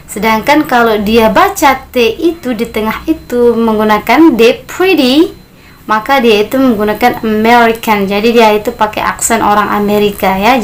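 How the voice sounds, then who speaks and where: A woman teaching beginners English vocabulary, repeating model words slowly and clearly with a lifted voice on each example. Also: on the high side. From Indonesia. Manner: addresses learners as friends, steady explaining pace. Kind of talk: beginner language lesson.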